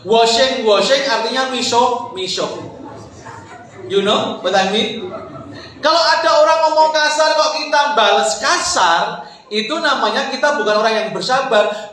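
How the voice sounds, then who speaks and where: A man's voice: sits high, sharp tone, a little hiss or hum. A man with a Javanese accent preaching a sermon in a mosque, questioning the congregation and jokingly mixing in English words. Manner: questions the congregation, calling them sir and ma'am. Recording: very echoey mosque hall.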